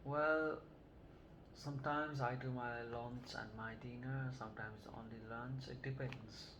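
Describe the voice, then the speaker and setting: A woman playing an older Vietnamese-born male patient who answers in a halting, hesitant way in a scripted health assessment role-play. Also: extremely low pitch, steady tone. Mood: calm. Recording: noticeable background noise.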